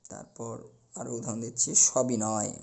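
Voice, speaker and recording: A young man teaching a recorded class, explaining step by step and slowly repeating the key words. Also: medium pitch, little pitch movement, gravelly, darkish tone.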